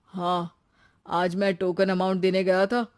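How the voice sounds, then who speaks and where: A performer voicing a young husband and son, an eager shopkeeper in a cartoon story, who talks in an excited way. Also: mid-range voice, a little slow, smooth, close to an everyday voice.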